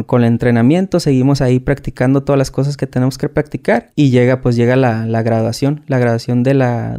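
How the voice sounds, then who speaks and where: A man with a Mexican accent speaks as a guest on an interview podcast, recounting his experiences in loose, slang-heavy storytelling. His voice is mellow and middle-pitched, and he often repeats and restarts words as he goes. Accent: Mexican Spanish.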